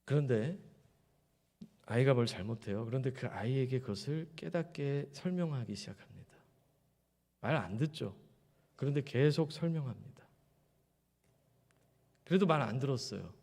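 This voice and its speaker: A male pastor preaches a Sunday sermon with a mellow, dark tone. He keeps asking the congregation questions, drops into quiet low asides, then rises loud for emphasis. His voice rings with the long reverb of a big church hall. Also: lively intonation, moderate pace, gravelly, long pauses. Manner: addresses the congregation directly with rhetorical questions. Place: church sanctuary.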